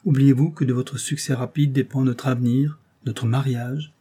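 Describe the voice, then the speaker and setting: A man reading an audiobook, voicing a gentle but firm young noblewoman in a raised, earnest voice. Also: medium pitch, steady tone, moderate pace, slightly rough, natural voice.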